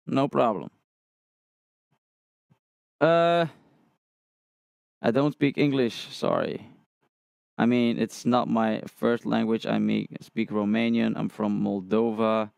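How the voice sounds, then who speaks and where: A young music reaction streamer speaks slowly in a lowish, gravelly voice that's a little mellow, clear and resonant, pausing often with no echo. He chats casually and reasons aloud as he reads chat on his livestream. He's indoors in a small colored-lit room with headphones on and a studio condenser mic on a stand.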